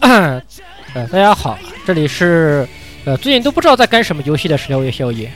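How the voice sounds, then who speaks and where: A man's voice: a little high, big pitch swings, brisk, a bit bright, soft background music. A man on a casual group podcast who rambles and halts, repeating words as he jokes about his memory gaps. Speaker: podcast co-host.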